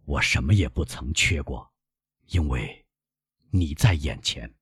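A man playing a frail old father, soft and low, husky, weak, dry close sound. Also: big pitch swings, unhurried, no echo, heavily acted. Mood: weary. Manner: weak, soft-spoken, sometimes whispered. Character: frail, gentle old father, poor and self-denying. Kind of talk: audiobook reading.

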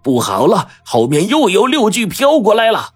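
A man voicing a gruff male team leader in an audiobook, shouting orders. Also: high-pitched, huge pitch swings, moderate pace, faint music behind, pitched above the performer's own voice, heavily acted. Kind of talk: audiobook character voice.

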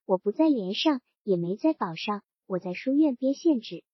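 A woman reading the lines of a gentle, wry old male scholar in a mild, teasing tone. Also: on the high side, animated, moderate pace, no room sound, pitched below the performer's own voice. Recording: dull, dry audiobook recording.

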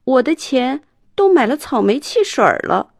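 A woman's voice: high-pitched, big pitch swings, normal speed, no room sound, clean studio sound, voice pushed up, exaggerated voice. A woman voicing a polite, anxious young schoolboy in a children's storybook reading, earnest and pleading. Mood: eager.

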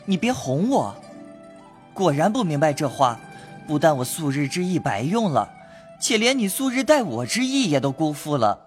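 A voice actor playing an earnest young nobleman in an audio drama. He pleads warmly and his pitch moves a lot, with faint music behind. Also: lightly acted.

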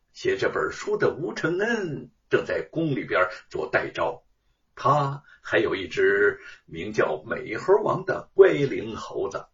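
Male traditional storyteller, unhurried and highly animated; muffled, distant recording. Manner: dramatic, sing-song delivery.

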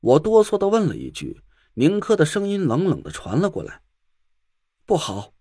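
A male audiobook narrator with a slightly raised, husky voice and a very lively, animated delivery. He tells a first-person story with tension, recorded close and dry. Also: high voice, brisk, no echo.

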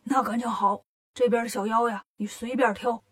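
A woman's voice: on the high side, fairly even intonation, normal speed, close to an everyday voice. A woman voicing a grumbling male lion demon chief in a storybook reading.

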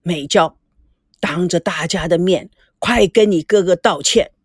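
A stern old grandfather rules the family in this audiobook story, as a woman reads him aloud. His voice sits low and moves slowly, with a scolding weight. The recording is dry and close. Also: a little mellow, breathy edge, no echo.

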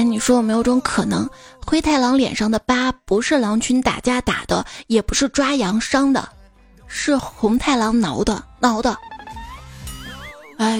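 A woman reading funny anecdotes aloud, playfully acting out the dialogue. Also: on the high side. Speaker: joke reader.

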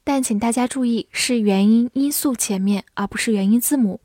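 A woman teaching English vocabulary and grammar, reading example sentences slowly and carefully. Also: a little high, mellow, dry recording, clean studio sound. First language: Chinese. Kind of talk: scripted English lesson.

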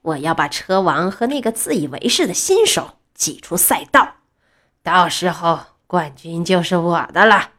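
A woman's voice: fairly low pitch, lively intonation, measured pace, fairly bright tone, pitched below the performer's own voice. A woman voicing a scheming, boastful male rival race car in a storybook. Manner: boastful, sly.

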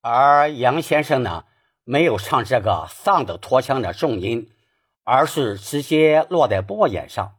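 A man's voice: medium pitch, expressive, a little slow, breathy edge. A man giving a spoken Peking opera singing lesson, patiently explaining technique step by step.

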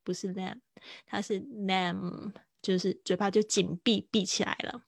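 A woman teaching English words in a casual live-streamed lesson, chatting and repeating each word slowly to model how it sounds. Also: medium pitch, steady tone, creaky, husky. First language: Mandarin.

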